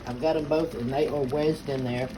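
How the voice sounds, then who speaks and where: A woman's voice: very deep voice, steady tone, moderate pace. A middle-aged woman, chatting through a home cooking demonstration with many "uh" fillers. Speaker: home cook. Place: home kitchen. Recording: noisy home kitchen ambience.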